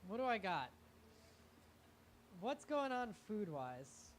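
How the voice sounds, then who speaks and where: A young man, a comedian and guest, speaking in a halting, rambling, self-deprecating way on a live talk show. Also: high-pitched, very animated, slight background noise. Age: young adult.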